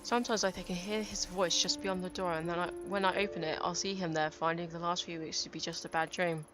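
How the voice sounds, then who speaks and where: A woman voicing a grieving young woman police detective, reading her inner monologue aloud in a low, halting way over game music. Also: fairly even intonation, lightly acted. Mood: somber.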